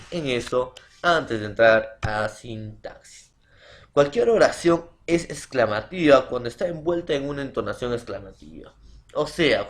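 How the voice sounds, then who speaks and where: A man from Peru teaching a secondary school grammar lesson, repeating definitions and calling his students "jóvenes" with frequent "pues" and "ya". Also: mid-range voice.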